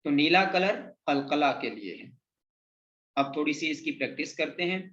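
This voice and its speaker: In this Quran reading lesson, a man with a bright, slightly high voice drills each syllable patiently, speaking at normal speed with animated delivery. It's a slow recitation lesson where he spells out the letter sounds, recorded with a roomy, muffled lo-fi quality.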